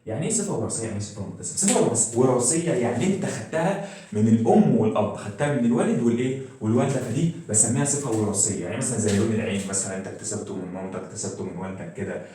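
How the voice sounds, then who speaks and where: An Egyptian man teaching a science lesson at a rapid clip. He quizzes the class and answers his own questions, drumming key words in again and again. His mellow, darkish voice bounces around a very echoey room from a mic set well away from him, with faint noise underneath. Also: fairly low pitch, animated, distant mic. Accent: Egyptian Arabic. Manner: asks questions and answers them himself, repeats key words.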